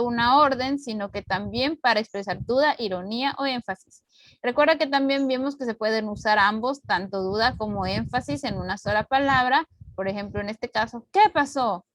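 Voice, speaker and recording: A woman teacher with a high, light voice records an online grammar lesson into her computer mic. She explains patiently and clearly, walking through example sentences one by one. The sound is close and dry, with no room around it. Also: fairly bright tone, no room sound, poor audio. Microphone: computer mic on video call recording.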